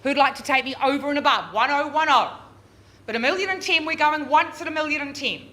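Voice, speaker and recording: A woman working as a real estate auctioneer, calling bids live with drawn-out repeated figures and chatty coaxing of bidders. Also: sits high, sharp tone. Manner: drawn-out, repeated bid calls. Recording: noisy live auction room.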